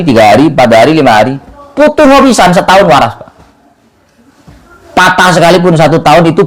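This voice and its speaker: A man with an East Javanese accent teaching a religious study class in a somewhat high voice. His pitch swings a lot as he talks. He recites Arabic lines and keeps turning to his listeners. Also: slight background noise, poor audio. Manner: animated, mixes Javanese and Indonesian, recites Arabic; keeps addressing listeners with "Pak".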